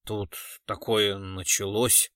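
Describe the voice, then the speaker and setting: A glum railway policeman with a low, deflated voice, as a male reader puts him on. He sounds worn down and unhappy. The recording is dry. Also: normal speed, dry recording, lightly acted. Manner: low, downcast.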